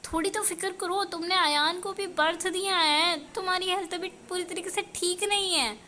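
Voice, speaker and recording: A stern young husband who scolds in an exasperated way, read by a woman. The voice sits high and bright, with a sharp, tense edge. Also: steady tone, normal speed, slight background noise. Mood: scolding.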